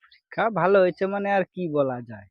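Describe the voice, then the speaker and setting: A man playing a hapless failed high-school student in a comedy sketch, rambling and naive, with a rural West Bengal Bengali accent. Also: lively intonation, fast talker, dull audio, music in the background. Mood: evasive. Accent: rural West Bengal Bengali dialect. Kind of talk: comedy sketch mock interview.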